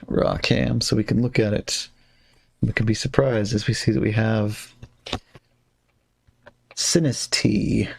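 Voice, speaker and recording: A man streaming a card game live, chatting casually, humming and muttering to himself as he plays. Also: lowish voice. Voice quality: gravelly, relaxed, hums and mutters while playing.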